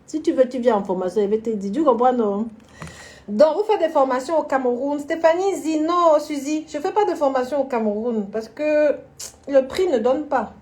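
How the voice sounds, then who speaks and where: A woman's voice: high-pitched, moderate pace. Chatty woman hosting a live stream. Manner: chatty, lively, answers viewer comments by name; frank business advice, laughs often. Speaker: florist and event decorator hosting a live stream. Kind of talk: casual live-stream chat with viewers.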